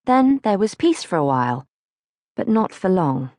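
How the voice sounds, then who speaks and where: Unhurried and low-voiced, a woman performs an audiobook of a childhood diary, reading expressively and acting out the questions she encounters in the script. The studio sound is clean, with no room sound at all.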